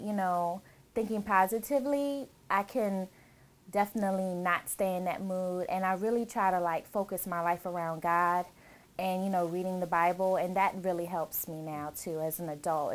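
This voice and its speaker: A lowish, steady voice at a moderate pace belongs to a woman in her thirties who was raised in Germany and is soon to be a bride. In a relaxed, chatty interview she cheerfully recalls her childhood, laughing often and filling pauses with fillers.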